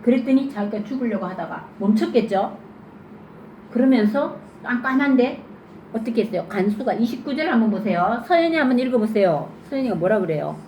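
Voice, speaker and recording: 한 여성이 아이들에게 질문을 던지며 성경 이야기를 생생하게 들려주는 설교를 합니다. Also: female voice, fairly high pitch, brisk. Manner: lively questioning, acts out scenes. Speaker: children's sermon teacher. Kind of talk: interactive Bible sermon for children. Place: church. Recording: echoey church room, faint noise.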